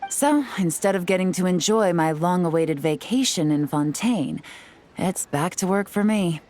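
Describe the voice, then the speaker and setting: Yelan, low cool-headed woman investigator, played by an actress. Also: normal speed, darkish tone, a little hiss or hum, natural voice. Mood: cool, explanatory. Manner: composed, wry, articulate. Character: cool, composed woman investigator, sly and businesslike. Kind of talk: scripted video game dialogue.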